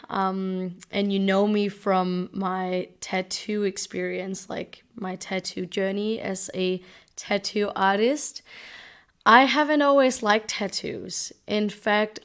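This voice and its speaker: A young woman in her twenties, from Denmark, hosts her own podcast. She speaks slowly and unhurriedly, with a smooth, clear voice and a gentle, reflective manner. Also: medium pitch. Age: 20s. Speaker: podcast host. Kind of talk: casual solo podcast talk.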